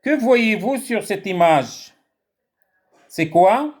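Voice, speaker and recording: Male teacher, Moroccan accent, high voice, very slow, repeats words for kids. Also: lively intonation. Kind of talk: children's writing lesson.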